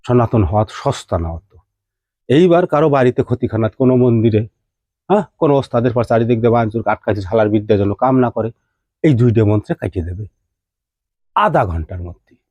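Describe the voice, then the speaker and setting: A man's voice: medium pitch, lively intonation, fairly quick, long pauses, darkish tone, dry recording. A man, teaching mantras. He chants verses in a rising singsong and keeps asking his listeners questions. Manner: addresses listeners directly with rhetorical questions. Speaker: tantric teacher. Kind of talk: devotional teaching talk.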